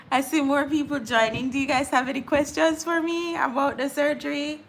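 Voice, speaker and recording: A woman's voice: high-pitched, fairly even intonation, moderate pace, slight background noise. A woman, hosting a casual live stream, chatting with viewers, laughing often and repeating words as she talks. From Jamaica. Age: 30s. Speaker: livestream host.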